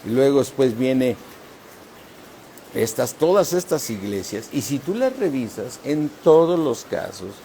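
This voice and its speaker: A man's voice: medium pitch, sing-song, creaky, warm tone, a little hiss or hum. A man preaching a sermon as pastor, emphatic and often asking "¿sí?" of the congregation. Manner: slow, emphatic preaching with frequent "¿sí?" checks.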